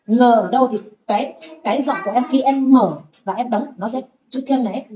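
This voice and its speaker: Patient woman drilling pronunciation. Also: fairly high pitch. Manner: patient, repeats sounds slowly for the learner to echo. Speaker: Vietnamese language teacher. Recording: dull lo-fi recording.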